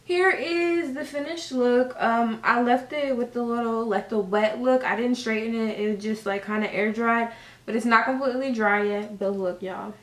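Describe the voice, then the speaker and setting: Speaking at normal speed in a voice on the high side, this woman chats through a hair tutorial from a room in her home. Her casual how-to vlog is full of slang and fillers, and the distant camera mic makes the recording sound roomy.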